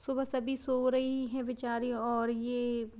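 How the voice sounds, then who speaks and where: A woman's voice: a little high, flat delivery, takes it slowly, dark tone. A young woman vlogging casually at home as a mother, chatty and repeating words for emphasis, sometimes slipping into sing-song baby talk to her daughters. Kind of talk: casual home vlog chat. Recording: noisy home recording.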